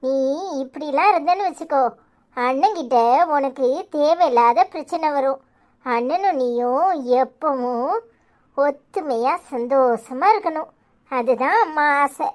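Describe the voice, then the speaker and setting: A woman voicing a gentle, reassuring mother in a Tirunelveli Tamil accent for a cartoon. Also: high voice, measured pace. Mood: soothing. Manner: coaxing, reassuring. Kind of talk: cartoon comedy voice acting.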